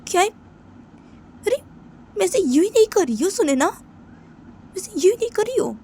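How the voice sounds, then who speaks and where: A woman voicing an angry young woman who keeps repeating herself, loud and indignant, in a homemade storytelling video. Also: medium pitch, fairly quick, gravelly, slight background noise, lightly acted. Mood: upset. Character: young woman, furious at her own mother.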